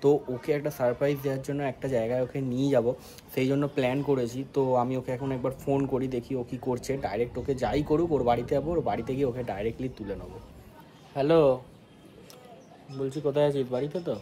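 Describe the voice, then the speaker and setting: A man's voice: mid-range voice, steady tone, fast, mellow, slight background noise. A young man chatting casually to his viewers in a couple vlog, talking straight to the camera. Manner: chatty, addresses viewers directly. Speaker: vlogger.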